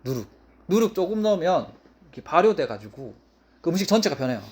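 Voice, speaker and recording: A man's voice: fairly high pitch, very animated, fast, a little mellow. A male pastor preaching a sermon in an emphatic way, often repeating his key phrases.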